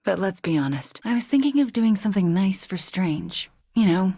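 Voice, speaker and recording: An actress playing a powerful, guilt-haunted young witch superheroine in a video game, guarded yet tender, with a breathy, husky, measured delivery that often becomes hushed. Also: medium pitch, big pitch swings, dry recording. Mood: wry, guarded. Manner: measured, intimate, often dropping to a hushed near-whisper. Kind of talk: video game character voice lines.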